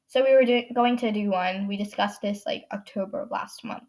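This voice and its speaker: The audio is poor as this teenage podcast host, her nose congested, rambles through a casual story with frequent fillers and self-corrections. She talks briskly at a medium pitch with a darkish tone.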